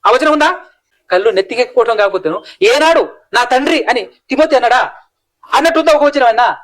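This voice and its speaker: A man's voice: very high-pitched, expressive, fast talker, a bit bright. A male preacher, delivering a fiery, scolding sermon full of rhetorical questions.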